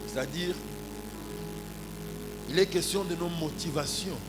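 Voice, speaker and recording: Loud music plays beneath a pastor in his forties with a Congolese accent, whose voice is on the high side and a little slow. He preaches an animated sermon with anecdotes, speaking to the congregation and using exclamations and rhetorical questions.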